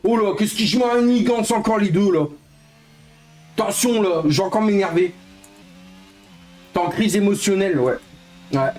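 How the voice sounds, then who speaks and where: A man in his thirties streaming a racing game live, excitable and swearing, mocking himself playfully. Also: high-pitched, moderate pace, pauses often, roomy sound, soft background music. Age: 30s. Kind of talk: casual live-stream gaming chat.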